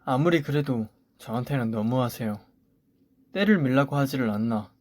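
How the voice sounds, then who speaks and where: A man's voice: medium pitch, normal speed, a little mellow, no echo, close to an everyday voice. A man voicing an indignant young pregnant wife. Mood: hurt. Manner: pleading, defiant protests. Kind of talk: story radio voice acting.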